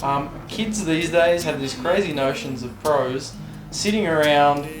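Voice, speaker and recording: With guitar music behind him and a roomy echo around his voice, this interviewed vert skater, a Tasmanian man with an Australian accent, reflects casually. He speaks on the high side and unhurriedly, and he skates professionally.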